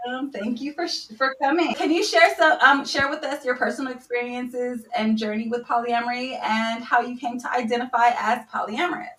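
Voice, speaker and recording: Woman hosting a podcast, kinda high voice, echoey room, sits back from the mic. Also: fairly even intonation, fairly quick, hardly any pauses, fairly bright tone, recorded from a distance. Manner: reads a prepared intro with small stumbles. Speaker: podcast host.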